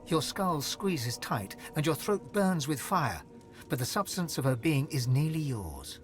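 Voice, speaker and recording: An actor narrating a dark fantasy video game as a solemn storyteller, in a grave, measured, literary manner. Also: male voice, fairly high pitch, sing-song, music in the background. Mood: grave, dramatic. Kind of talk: dramatic scripted fantasy narration.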